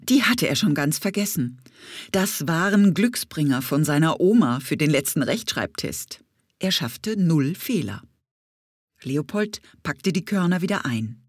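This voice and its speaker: A woman reading a children's storybook aloud in an expressive, lively way. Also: on the low side, breathy edge, no room sound, studio quality. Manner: lively, expressive, sometimes whispered. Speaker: audiobook reader. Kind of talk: children's audiobook narration.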